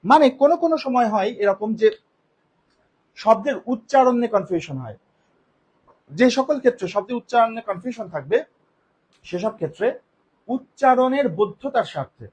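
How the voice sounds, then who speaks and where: A man teaching a spelling lesson for exam preparation, explaining patiently and repeating example sentences slowly. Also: high-pitched, sing-song, breathy edge, low-quality recording. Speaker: grammar teacher.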